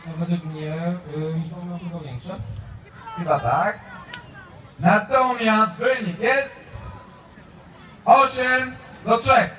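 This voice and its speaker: A man announcing and refereeing a tournament to a crowd on an outdoor field, with loud, drawn-out calls into a handheld microphone. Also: sits high, steady tone. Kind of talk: live event announcing. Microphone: handheld microphone over loudspeakers, filmed from afar. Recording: distant echoey loudspeaker voice, loud crowd. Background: crowd and outdoor noise.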